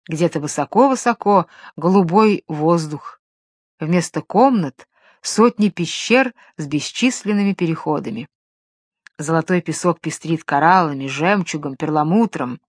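Calm woman reading a fairy tale. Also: low-pitched, no room sound, studio quality. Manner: calm, measured storytelling. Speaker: storyteller. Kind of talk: scripted narration of a fairy tale.

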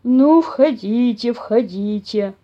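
A woman voicing a huge, slow, half-deaf old papa bear who talks in a booming, puzzled way. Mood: confused. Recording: dull lo-fi audio.

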